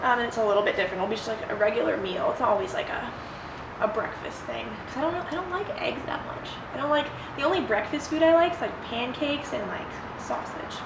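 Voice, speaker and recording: High-pitched young woman, casual and blunt. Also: fast. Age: young adult. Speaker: athlete answering viewer questions. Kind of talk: casual solo Q&A vlog. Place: ice bath, sheltered outdoors or open to rain. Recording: roomy echo with clear background noise.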